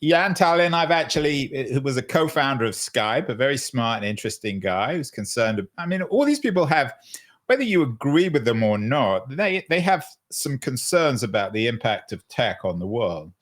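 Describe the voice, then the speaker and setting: A man's voice: medium pitch, sing-song, moderate pace. A man hosting a podcast, pushing back in a casual debate with skeptical, sarcastic interjections. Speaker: podcast host.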